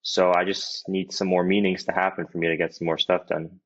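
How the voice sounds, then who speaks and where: A hockey player in his twenties, appearing as a guest in a casual interview chat, rambles in a laid-back way packed with "like" and "you know." His voice is low with little pitch movement, fairly quick and fairly bright, and the audio sounds dull and lo-fi.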